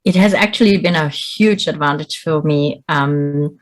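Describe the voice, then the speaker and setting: A woman's voice: low-pitched, measured pace. A middle-aged woman from Bolivia, an executive coach giving earnest, encouraging interview answers.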